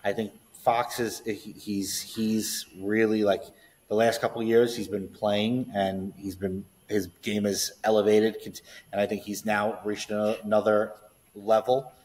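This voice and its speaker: A man's voice: lowish voice, flat delivery, a little slow, darkish tone, in a large hall. A man co-hosting a sports radio show, chatting casually and rambling with many false starts and the odd swear word.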